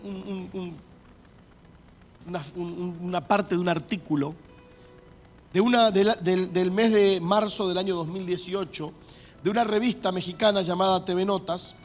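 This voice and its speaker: High-voiced pastor preaching. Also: male voice. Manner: emphatic, repeats key words, asks the congregation to repeat. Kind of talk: sermon. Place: church.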